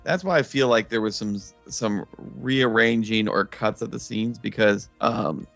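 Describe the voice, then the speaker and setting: A man's voice: on the low side, unhurried, vocal fry, fairly bright tone, no echo, muffled recording, soft background music. A man co-hosting a podcast, discussing a movie in a thoughtful, hedging way, often restarting his sentences. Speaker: podcast co-host.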